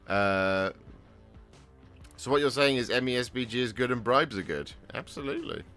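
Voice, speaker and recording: A man's voice: medium pitch, lively intonation, unhurried, long pauses, a bit bright, soft background music. A man chatting casually on his hobby vlog, rambling with lots of restarts and fillers. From England. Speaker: hobby vlogger. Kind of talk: casual chat while painting miniatures.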